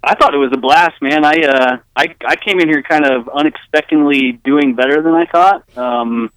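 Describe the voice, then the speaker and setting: A man's voice: a little high, moderate pace, fairly bright tone, clean tone, dry recording, poor audio. A man guest talking in an easygoing way, with lots of fillers, in a casual interview. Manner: laid-back, easygoing, many fillers. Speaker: guest racer.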